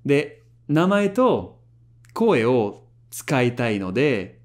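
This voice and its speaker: Speaking at a slow pace and medium pitch, a French man in his thirties hosts a YouTube review of a language app. He talks casually on a phone call and to camera from his living room, laughing often, friendly and lively, and switching languages.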